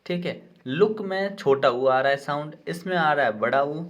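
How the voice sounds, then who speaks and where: A young man teaching, working through an exam paper step by step, reading each question slowly and checking in with the listener often. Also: fairly high pitch, expressive. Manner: explains step by step, reads English questions out slowly, says "ठीक है" often. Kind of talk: exam paper walkthrough lesson.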